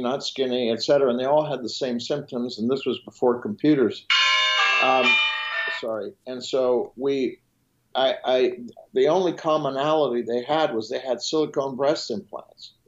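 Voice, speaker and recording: A medium-pitched man with a darkish tone speaks over dull audio. He's a physician guest on a podcast, a native French speaker, explaining things while often restarting sentences and trailing off into lists.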